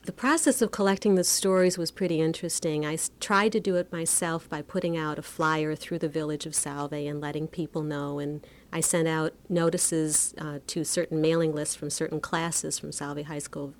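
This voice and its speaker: Low-voiced reflective woman. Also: steady tone. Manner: reflective, halting with fillers and restarts. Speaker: book author. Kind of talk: casual interview talk.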